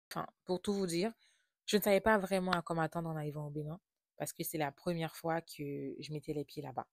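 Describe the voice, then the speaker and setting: Soft-spoken woman from Haiti, low voice. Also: steady tone, moderate pace, pauses often, slight background noise. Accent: French. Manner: confiding, reflective, softly spoken. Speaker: vlogger. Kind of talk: personal travel storytelling.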